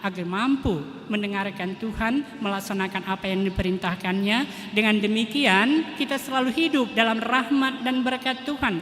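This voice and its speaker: A man's voice: sits high, moderate pace, fairly bright tone. Man preaching a sermon in church, emphatic, long echo, faint hiss behind. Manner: emphatic preaching, tag 'toh' often. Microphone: livestream mic in church. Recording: echoey church hall, faint noise.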